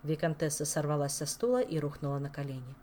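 A woman's voice: deep voice, expressive, fast talker, background noise. A woman reading an audiobook in a dramatic storytelling manner. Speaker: audiobook reader. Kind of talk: expressive audiobook narration.

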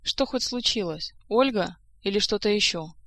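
A woman voicing a loyal young male courtier who asks quick, anxious questions. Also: mid-range voice, lively intonation, a bit bright.

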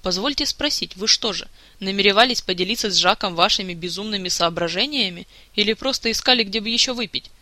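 A man voicing a stern, formal old court wizard who scolds others in measured, reproachful tones. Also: high-pitched, sharp tone, no room sound.

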